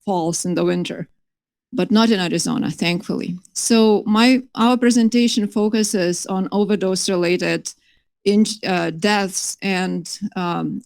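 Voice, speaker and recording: A middle-aged Lithuanian woman gives an earnest academic talk in a conference hall, full of fillers and restarts. Her lowish voice is gravelly and darkish, and the recording is dry with clean studio sound.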